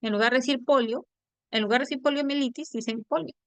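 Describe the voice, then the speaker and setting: Lecturing online on word formation, this language teacher speaks a little high, explaining with patience and frequently adding quick tag questions to confirm students are keeping up. Her audio is close and dry, without any room sound.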